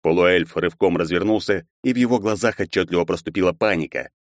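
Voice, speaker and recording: A man calmly narrating a first-person fantasy audiobook in a measured way, also speaking as a stern but kind teacher. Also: low voice, no echo, clean studio sound.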